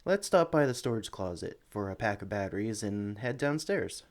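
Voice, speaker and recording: In an ASMR roleplay, a voice actor plays a friendly, caring, experienced Pokemon sanctuary worker showing a newcomer around. His voice sits on the low side, expressive and at normal speed, with an upbeat, encouraging mood. He chats gently in a one-sided acted conversation and coos to the creatures.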